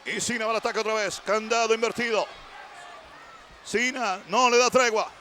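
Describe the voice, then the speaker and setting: A man giving excited play-by-play wrestling commentary, shouting short, staccato calls. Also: high-pitched, normal speed. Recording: loud arena crowd noise. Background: roaring arena crowd.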